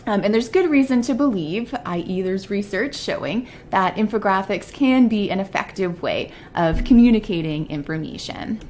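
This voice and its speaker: A woman professor giving a prepared lightning-talk presentation in an orderly, explanatory manner. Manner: clear explanatory, orderly listing of points. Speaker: university psychology professor, lecturer. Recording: noticeable low rumbling background noise.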